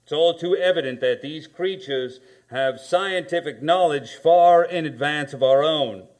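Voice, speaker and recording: An actor playing a learned professor in a radio drama, speaking in a deliberate, hesitant, analytical way. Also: male voice, on the high side, darkish tone, close to an everyday voice. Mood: grave, analytical. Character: learned male astronomy professor, measured and analytical. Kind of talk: stage radio drama acting.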